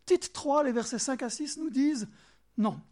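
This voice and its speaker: A man with a Bernese Jura French accent preaching a sermon, emphatic and animated, speaking straight to his listeners and sometimes dropping to soft asides. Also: extremely high pitch, normal speed. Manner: talks directly to listeners in second person.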